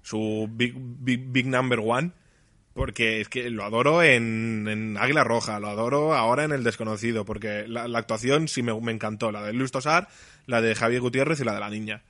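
A man talking casually about a film, enthusiastic and quick to cut in. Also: mid-range voice, a bit bright. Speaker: film reviewer. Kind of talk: casual chat.

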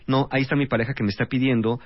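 Calm man explaining on radio. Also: mid-range voice, racing, no room sound. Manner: calm, explanatory, listing examples. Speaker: relationship expert guest. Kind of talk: explaining on a radio talk show. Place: radio studio. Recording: dull broadcast radio sound.

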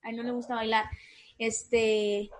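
A woman in a casual chat, cheerful and quick to laugh. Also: on the high side, flat delivery.

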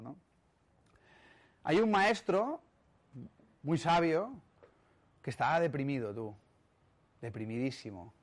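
A man from giving a motivational talk, emphatic and rhetorical, often checking in with the audience. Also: on the high side. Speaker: speaker on personal growth.

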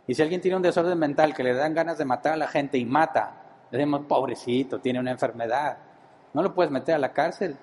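A man's voice: fairly high pitch, fast, darkish tone, low-quality recording. A man preaching a sermon-style teaching, often asking his listeners rhetorical questions.

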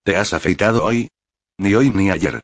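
A gentle, teasing father back from the war, his voice very deep and dry. A man reads him out in an audiobook. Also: normal speed, dry recording. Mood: tender. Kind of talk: audiobook reading.

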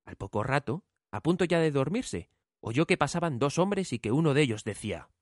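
Male storyteller reading a fairy tale, lively pitch, dry close sound. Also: normal speed, no room sound. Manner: expressive.

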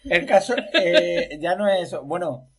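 A man's voice: sits high, a little slow, breathy edge. A man in a casual film discussion, talking in a playful, chatty way. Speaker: film commentator.

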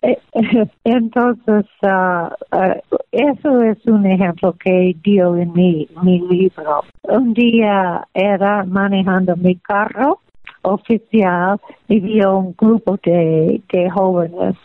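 A woman guest in a radio interview speaks Spanish with a clear American accent, as a native English speaker. Her delivery is slow and halting as she searches for words. The sound is narrow and phone-like, with no room echo. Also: mid-range voice, steady tone. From United States. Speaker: interview guest, former diplomat. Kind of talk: radio interview, opinion and anecdote.

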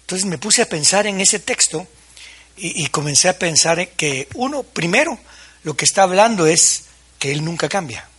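A man's voice: sits high, expressive, moderate pace, fairly bright tone, husky. A man preaching a sermon as pastor, addressing the congregation with questions and acting out quoted dialogue.

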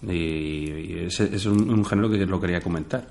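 A man from hosting a casual chat about films, relaxed and talking straight to his listeners. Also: deep voice, normal speed, creaky, a little hiss or hum. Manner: relaxed, chatty, addresses listeners. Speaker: podcast host.

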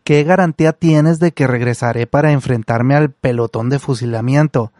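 A man's voice: medium pitch, moderate pace, a little mellow, dry recording, lightly acted. A man voicing a dignified old general condemned to death, speaking earnestly, in a dry close recording. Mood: moved.

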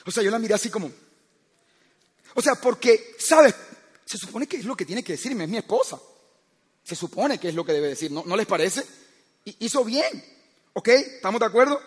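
A man's voice: high-pitched, big pitch swings, moderate pace, pauses often, slightly rough, big-room sound. A man preaching a sermon who tells stories and keeps asking his listeners "¿sabes qué?", often stammering and restarting his sentences.

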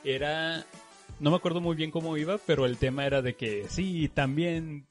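A man's voice: on the high side, normal speed, soft background music. A man with a Mexican accent co-hosting a podcast, laughing often as he tells a story in casual chat. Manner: laughs often while telling anecdotes. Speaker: podcast co-host.

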